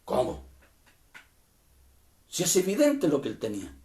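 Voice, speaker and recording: In his sermon, the pastor swings from emphatic bursts to quiet asides and keeps turning to question the listeners. His pitch is fairly high with huge swings, and he takes his time.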